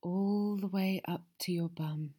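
Breathy, slow-whispering woman, ASMR roleplay. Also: fairly low pitch, fairly even intonation. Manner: soft, slow, soothing, often whispered. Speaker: masseuse in a roleplay.

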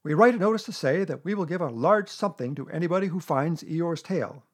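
A man's voice: a little high, big pitch swings, fairly quick, husky, pitched above the performer's own voice, exaggerated voice. A man voicing a pompous, self-important owl in a children's storybook, declaiming with emphasis. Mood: emphatic, pompous.

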